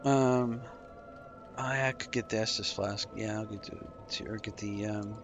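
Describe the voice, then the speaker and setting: A man's voice: fairly low pitch, measured pace, over music. A tired man streaming a game, casually explaining each move as he plays. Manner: relaxed, explaining while playing, yawning. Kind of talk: casual gameplay commentary. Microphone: desk microphone.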